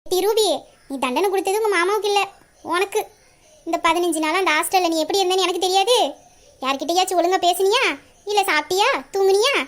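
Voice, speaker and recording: A woman's voice: very high-pitched, fast. A woman playing a blunt, caring girlfriend. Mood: reproachful. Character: frank young female friend, scolding kindly.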